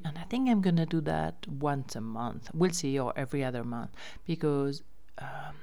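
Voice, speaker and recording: Female host, deep clean tone, informal update delivery. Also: darkish tone. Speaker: host running a riverside lodge and campsite. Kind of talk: casual spoken news update.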